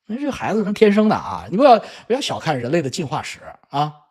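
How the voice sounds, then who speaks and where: A man's voice: on the high side, wildly swooping pitch, fast talker, a little mellow, slightly rough. A middle-aged man hosting a casual livestream chat, telling family stories animatedly with swearing and laughs. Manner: acts out children's voices in quoted lines. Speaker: livestream host. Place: home in Vancouver.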